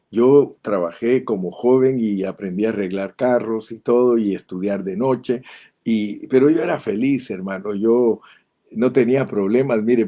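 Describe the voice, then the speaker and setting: A man's voice: mid-range voice, dark tone. A man in his seventies with a Guatemalan Spanish accent, preaching a sermon as a pastor, telling folksy stories and building to impassioned appeals. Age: 70s.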